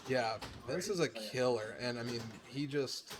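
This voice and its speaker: A man's voice: mid-range voice, unhurried. A man giving casual, joking live commentary on a pinball game, laughing often. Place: pinball arcade.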